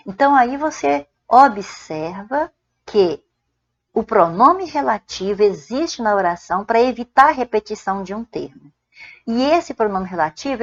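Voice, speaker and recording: A woman's voice: fairly high pitch, muffled recording. A Brazilian woman teaching Portuguese grammar, drawing out example sentences word by word and checking in with "certo?". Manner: slow, deliberate dictation of examples, frequent "ó" and "certo?". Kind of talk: spoken grammar lesson.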